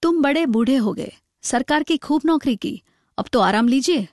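A woman's voice: high voice, animated, normal speed, no room sound, clean studio sound. A woman voicing a cold, arrogant male superintendent who gives curt orders. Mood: dismissive. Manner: curt, commanding.

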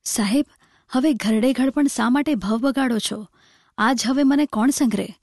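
A woman voicing a poor, gentle old male gardener who talks slowly and pleads wearily. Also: a little high, no echo, studio quality. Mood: pleading.

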